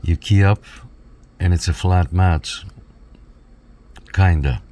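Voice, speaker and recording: Taking it slowly in a low, warm voice, a radio reviewer casually guides viewers through a piece of equipment. He explains it step by step in a hands-on, instructional way.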